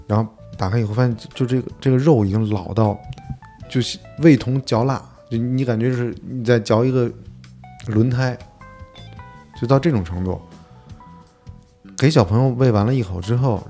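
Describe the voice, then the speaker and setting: A man co-hosts a podcast in a deep, mellow, gravelly voice. He tells a long story in casual chat and acts out the quarrel with heat. Faint music plays under the talk. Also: normal speed, long pauses. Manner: animated storytelling, acting out an argument with restaurant staff. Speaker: podcast co-host.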